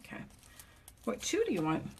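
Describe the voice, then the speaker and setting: Chatty woman doing nails on a live stream. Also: moderate pace. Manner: relaxed, chatty, laughs often, mutters while working. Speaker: nail technician. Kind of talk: casual chat during live demo. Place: nail salon.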